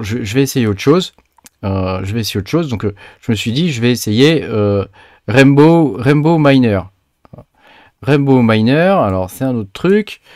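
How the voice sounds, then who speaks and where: Low-voiced man talking through a hesitant screen tutorial. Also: darkish tone, dry recording, studio quality. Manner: hesitant, lots of filler sounds and restarts; chatty, addresses viewers directly. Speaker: crypto mining tutorial host. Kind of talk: casual screen-share tutorial.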